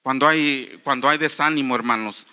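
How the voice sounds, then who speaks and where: A middle-aged man preaching a sermon in church, earnest and halting, often restarting phrases and calling the listeners brothers. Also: mid-range voice, sharp tone, clear, resonant tone. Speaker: pastor.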